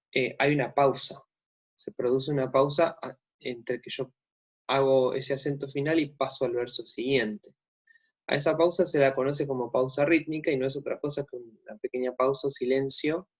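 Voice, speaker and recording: A man's voice: mid-range voice, a little mellow. Hesitant Argentine male teacher, dull sound. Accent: Argentine Spanish. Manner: hesitant, many fillers and restarts. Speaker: literature teacher. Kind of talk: recorded lecture.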